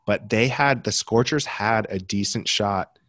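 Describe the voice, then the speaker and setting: In casual sports chat on a podcast, a young man from the United States, one of the co-hosts, goes over basketball results, full of fillers and restarts. His voice is on the low side and a bit bright, unhurried, with a dry, studio-quality recording.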